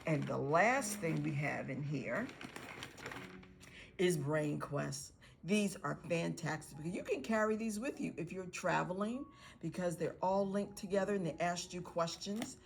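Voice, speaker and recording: A woman's voice: on the low side, animated, measured pace, vocal fry, slight background noise. A woman teacher giving parents encouraging tips on reading and writing activities with their young children. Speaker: pre-K teacher. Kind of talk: instructional video for parents.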